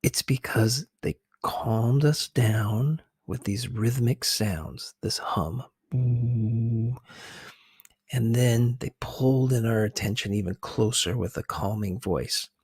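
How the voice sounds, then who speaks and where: An ASMR video host offers casual commentary in a close, dry recording, his husky voice at medium pitch. He speaks very slowly, gently and a bit hesitantly, explaining things piece by piece.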